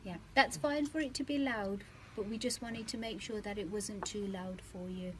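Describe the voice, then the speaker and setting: A woman working as an audiologist, calmly and patiently explaining a hearing implant fitting in a clinic. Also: mid-range voice, moderate pace, very noisy. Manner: calm, patient, reassuring.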